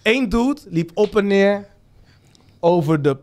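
A man's voice: sits high, lively intonation, slow pace, darkish tone. A man hosting a bar podcast, telling a story casually with slang and laughter. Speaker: podcast host.

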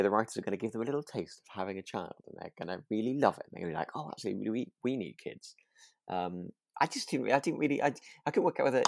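A man co-hosting a podcast chats informally about a radio drama, often using tag questions to check for agreement. His medium-pitched voice has a darkish tone, recorded cleanly in a studio with no echo.

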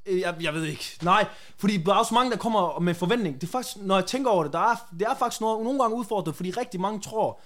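A young man chatting casually as a podcast guest, slangy and animated, often laughing as he tells stories. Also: high voice, few pauses. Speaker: guest, prank content creator.

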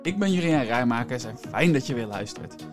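A man's voice: medium pitch, lively intonation, moderate pace, faint music behind. A man hosts a podcast, explaining things in a semi-scripted way and addressing the listener directly. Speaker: podcast host.

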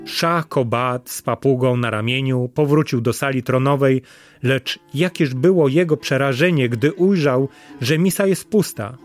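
A man reading a fairy tale aloud as a storyteller, in a measured way that slows down for solemn moments. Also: medium pitch. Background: faint guitar music.

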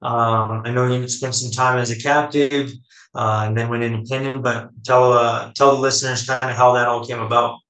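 A man's voice: mid-range voice, level tone, moderate pace, fairly bright tone. A man co-hosting a podcast, asking questions in an easygoing way with fillers. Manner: easygoing, with fillers like "um" and "you know". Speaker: podcast co-host. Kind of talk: casual interview. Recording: echoey room.

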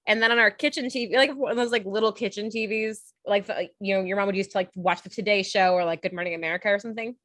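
A woman's voice: mid-range voice, fairly even intonation, quick pace, few pauses, fairly bright tone, no room sound, clean studio sound. A young woman with a lisp, co-hosting a casual podcast with jokey, rambling asides. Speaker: podcast co-host.

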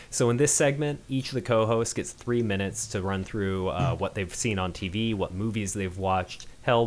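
A man's voice: deep voice, a little hiss or hum. A man hosting a film review podcast, calling in remotely, talking casually with loose fillers and restarts. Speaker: podcast host. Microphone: remote call-in mic.

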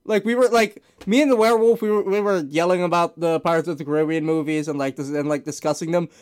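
High-voiced young man rambling casually. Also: fairly even intonation, darkish tone, clean tone. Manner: rambling, halting, restarts and filler words. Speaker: podcast host. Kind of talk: casual chat among friends.

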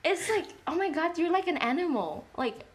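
A woman's voice: extremely high pitch, big pitch swings, brisk, background noise. A young woman from Indonesia co-hosting a podcast, talking bluntly, swearing freely and mixing in Indonesian words. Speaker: podcast co-host. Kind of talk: casual chat.

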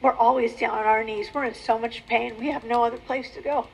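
A woman with a high-pitched voice gives a personal testimony. She speaks earnestly and emotionally, often halting and restarting her sentences. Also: fairly even intonation, gravelly, husky, low-quality recording. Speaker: former adult-film performer giving a testimony.

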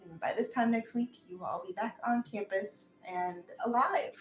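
A woman's voice: medium pitch, normal speed. A woman hosting and narrating an improvised tabletop game in a casual, encouraging way. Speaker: game master and host. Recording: echoey room, music behind.

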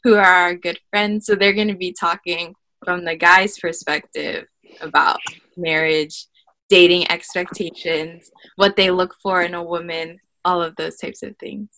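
A woman's voice: on the low side, fairly even intonation, a little slow, bright, forceful tone, no room sound, rough recording. A young woman co-hosting a podcast, chatting in a bubbly way and laughing often. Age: young adult. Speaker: podcast co-host. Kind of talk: casual chat.

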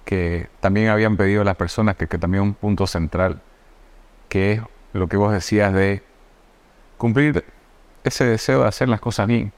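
A man hosting a podcast, thinking aloud in a hesitant way with many pauses and restarts. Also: fairly low pitch, steady tone. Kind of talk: reflective conversational podcast. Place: indoor podcast studio.

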